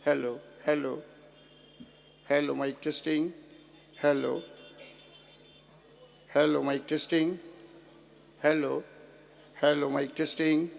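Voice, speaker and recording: A man's voice: a little high, flat delivery, measured pace, gravelly, long pauses. An older man, a devotional singer, doing a stage sound check and giving the crew bossy running orders into a handheld mic.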